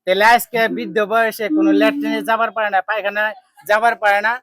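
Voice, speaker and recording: A man acts out a stern, preachy bystander, berating a son in an amateur street drama. The voice sits very high and carries an emphatic, lecturing push. The recording is dry, with almost no room sound. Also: level tone, fast, fairly bright tone, no echo. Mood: scolding.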